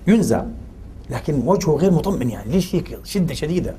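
A man giving a religious and cultural lecture, posing rhetorical questions and pausing on filler sounds. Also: a little high, lively intonation, mellow, a little hiss or hum.

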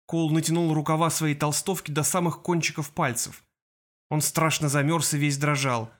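A man reading a fantasy audiobook in a measured, expressive narration. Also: on the high side. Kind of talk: scripted narration.

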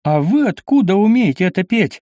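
A man's voice: on the high side, expressive, moderate pace, mellow, no echo, studio quality, voice pushed up, natural voice. A man voicing an earnest, polite young knight in an audiobook. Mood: moved. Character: young knight, emotional but cheerful.

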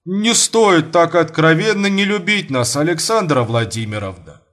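Man doing a fat, ponderous gentleman. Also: a little high, huge pitch swings, measured pace, pitched above the performer's own voice, exaggerated voice. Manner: heavy, ponderous. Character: fat bald ponderous older male guest.

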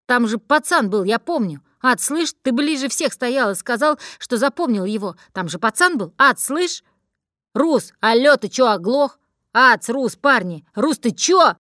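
A frantic tattooed young thug, read by a woman in an audiobook yells in a raised, higher voice and can't believe what he hears. The sound is close and dry. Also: lively intonation, slow pace, no room sound. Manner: frantic, shouting, disbelieving.

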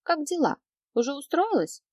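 Voiced by a woman, a blunt young woman snaps back in a raised, loud voice. She sounds defensive and sharp, read as audiobook dialogue. The recording is close and dry. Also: high-pitched, sing-song, moderate pace, no room sound, pitched above the performer's own voice. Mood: coaxing. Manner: snapping, blunt.

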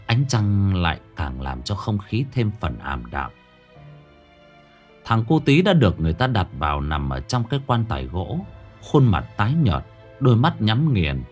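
A man narrating a ghost story in a dramatic storytelling manner. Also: fairly low pitch.

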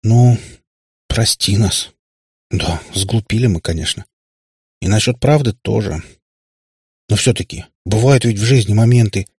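A man reading an audiobook, voicing a middle-aged father who quietly apologizes in a low, husky voice. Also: measured pace, long pauses, no echo, studio quality. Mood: apologetic.

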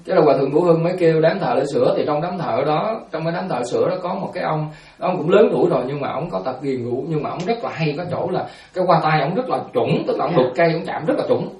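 Fields: male Buddhist monk. Style: fast, animated dharma storytelling with a fairly high voice. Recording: roomy, distant. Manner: animated storyteller, repeats words, acts out quotes.

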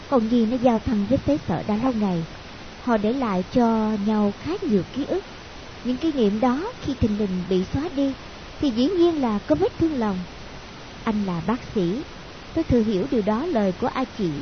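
A man's voice: very high voice, pitched above the performer's own voice. A man doing a blunt bossy young woman friend. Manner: brash, scolding, coaxing. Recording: dull lo-fi audio with hiss.

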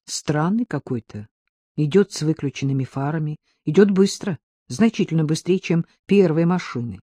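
The audiobook narrator voicing Artyom, an anxious young man keeping watch, hushed and strained. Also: medium pitch, moderate pace, slightly rough, no room sound, lightly acted. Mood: tense.

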